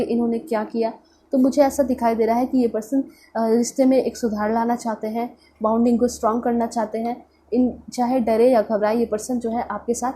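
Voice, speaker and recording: A woman's voice: a little high, mellow, breathy edge. A woman with an Indian accent and a congested, pinched-nose nasal voice from a cold, giving an informal tarot reading and mixing in English words. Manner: mixes in English words, repeats check-in phrases. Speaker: tarot reader.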